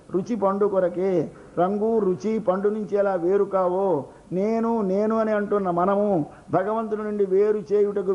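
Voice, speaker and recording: A man's voice: high-pitched, a little mellow, lo-fi sound. An older man with a Telugu accent delivering a devotional sermon, explaining by asking and answering his own questions and acting out little everyday scenes. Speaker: religious discourse speaker.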